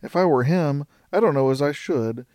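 A man's voice: fairly high pitch, moderate pace, darkish tone, no echo, studio quality, close to an everyday voice. A man voicing a fussy, talkative older spinster aunt who rambles in a prim, old-fashioned way.

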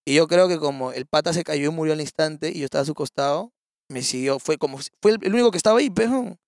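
A man's voice: a little high, fast talker, no echo, clean studio sound. A young man with a Peruvian accent telling a story in casual chat, full of slang and acting out the people he quotes. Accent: Peruvian Spanish.

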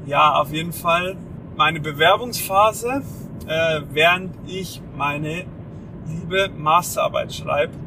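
A man in his twenties chatting casually as a podcast co-host, in degraded low-bitrate audio recorded in a moving car. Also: slow. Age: 20s. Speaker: podcast co-host, master's student. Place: inside a car on the motorway. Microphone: off-mic, faulty setup. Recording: noisy moving car, distant faulty microphone. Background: road and engine noise.

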